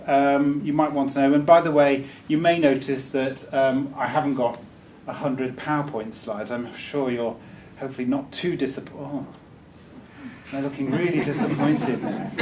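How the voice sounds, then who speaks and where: A Welshman gives a chatty, joking talk to a live audience in a meeting room, full of ums and restarts. His voice sits in the mid range and is a little mellow, picked up by a distant mic with faint room noise.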